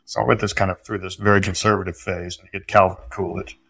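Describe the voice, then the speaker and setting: A man guest on a talk podcast, explaining history in a thoughtful, unhurried way with some hesitations and dry humor. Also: deep voice, flat delivery, gravelly, fairly bright tone, husky. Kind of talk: conversational interview answers.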